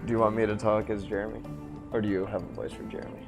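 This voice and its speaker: A man's voice: fairly low pitch, little pitch movement, fast talker. Playful guy chatting over a game, laughs a lot, music faint behind. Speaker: let's play co-host. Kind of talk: casual game commentary.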